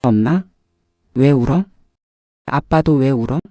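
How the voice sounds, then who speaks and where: A man's voice: medium pitch, slow pace, warm tone, dry recording, close to an everyday voice. A man voicing a frightened small grandchild in a storybook drama, asking timid questions.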